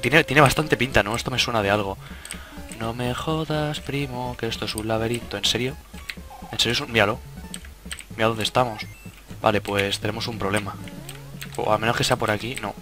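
A man's voice: mid-range voice, a little fast, long pauses. A young man with a Spain Spanish accent giving casual let's play commentary, swearing and cutting himself off mid-sentence. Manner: casual, swearing, self-interrupting. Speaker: gaming YouTuber. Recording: game music behind the voice.

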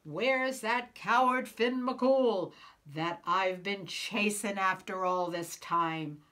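A woman's voice: on the low side, animated, unhurried, pushed and bright, full character voice. A woman voicing a boastful, greedy bully giant as she reads a storybook aloud, blustering and hollering.

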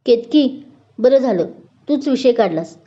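Woman voicing a gentle, caring college friend. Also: fairly high pitch, animated, a little slow. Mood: sincere. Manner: gentle, sincere. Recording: dull lo-fi recording.

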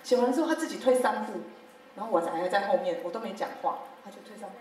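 A fast-talking woman with a medium-pitched voice and a Taiwanese Mandarin accent tells other teachers about her classroom methods in a workshop talk. Lively and laughing, she acts out her pupils' lines; the recording comes from far off in a very echoey hall with slight background noise.

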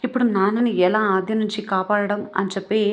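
A woman's voice: mid-range voice, steady tone, fast, muffled recording, natural voice. A woman voicing a scheming young woman who is frightened and accuses her rival. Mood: accusing. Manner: accusing, anxious.

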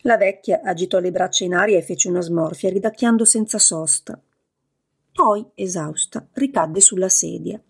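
Casting: female audiobook narrator, even storytelling, husky timbre. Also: lowish voice, normal speed. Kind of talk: scripted narration.

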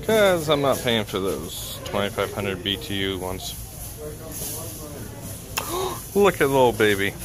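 His voice is on the low side and swoops wildly in pitch as this middle-aged man talks slowly, with long pauses. A truck driver vlogging on a handheld camera, he stays chatty and upbeat while addressing his viewers over noisy audio.

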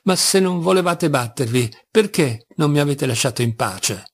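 A man's voice: fairly high pitch, lively intonation, moderate pace, slightly rough. A man voicing an indignant young officer, a dueling opponent, curt and irritated, in an audiobook.

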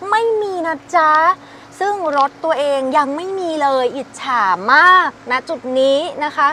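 A woman's voice: sits high, moderate pace, pushed and bright, a little hiss or hum. A young woman giving a chatty, gushing walkaround review of a car and talking straight to the viewers. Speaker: used car sales presenter.

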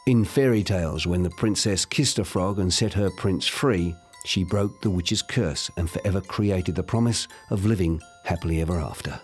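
A man narrates a nature documentary in a low register. His delivery is scripted and measured, like someone telling a story as he explains, with music clearly playing underneath.

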